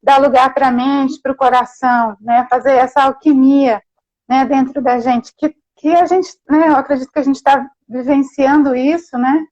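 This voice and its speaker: A high-voiced woman hosts a gentle talk, musing aloud in winding sentences and checking in with "né?" at every turn. The sound is muffled and lo-fi, like a video call. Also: fairly even intonation, moderate pace. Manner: reflective, meandering, constant "né?" tags. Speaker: host therapist. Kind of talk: casual spiritual conversation.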